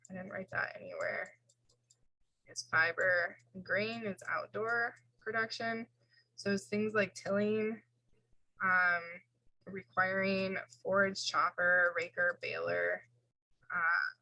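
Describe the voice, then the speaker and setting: Bright-voiced woman lecturing over slides. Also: mid-range voice, poor audio. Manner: casual, explains tables with fillers and self-corrections. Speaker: instructor.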